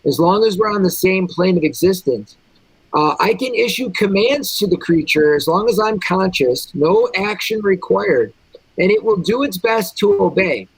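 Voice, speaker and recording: A man's voice: sits high, animated, moderate pace, breathy edge, dry recording, rough recording. A man playing a tabletop game, talking casually and thinking aloud through the rules.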